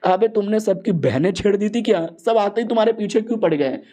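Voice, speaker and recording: A brash young male disciple from a manga retelling, cheeky and quick to panic, voiced by a man. He talks in a raised, excitable register and throws out slang. The tone stays mellow and warm underneath. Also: high voice.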